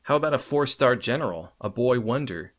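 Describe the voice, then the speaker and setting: A man's voice: mid-range voice, voice pushed up, natural voice. A man voicing Batgirl, a bold young female crimefighter, in an audiobook reading, eager and teasing. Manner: quick, excited and teasing. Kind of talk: audiobook character voice.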